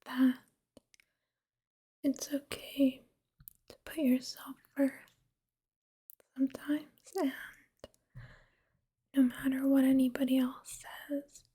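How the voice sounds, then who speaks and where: A woman giving a whispered ASMR pep talk, speaking gently and reassuringly in a soft, unvoiced whisper. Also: high voice, level tone, slow, pauses often.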